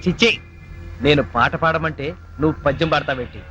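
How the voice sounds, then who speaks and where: A man's voice: a little high, fairly quick, muffled recording, natural voice. A man playing a panicky comic hero haunted by a doll, talking in frantic yelps in horror comedy film dialogue. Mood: dreamy.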